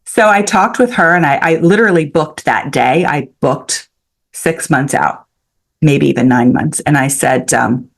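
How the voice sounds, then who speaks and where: A woman in her sixties, a podcast guest, telling a personal story in an animated, chatty way with frequent restarts. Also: deep voice, a little slow, creaky. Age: 60s. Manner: animated, with many restarts and fillers. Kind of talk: storytelling in a casual interview.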